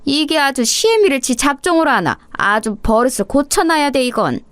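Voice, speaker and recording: A woman voicing a harsh, coarse older mother-in-law who berates and shouts. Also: sits high, very animated, moderate pace, no room sound, voice pushed up. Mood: scolding.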